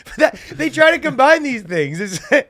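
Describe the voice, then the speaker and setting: A man co-hosting a casual comedy chat, loud and laughing, often breaking into shouted mock singing. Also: extremely high pitch, sing-song, moderate pace, dry recording, studio quality. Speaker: podcast co-host.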